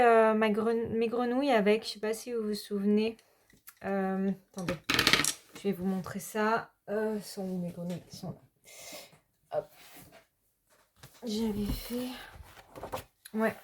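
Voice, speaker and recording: A woman, talking in a rambling, hesitant way in a casual chat vlog, with many pauses. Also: medium pitch, a little mellow, a little hiss or hum. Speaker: hobby vlogger.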